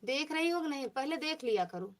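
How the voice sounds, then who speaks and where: With a high-pitched, animated voice and a brisk pace, a woman from Pratapgarh, Uttar Pradesh, hosts a casual phone livestream, reading comments, greeting viewers by name and coaxing them. There's slight background noise.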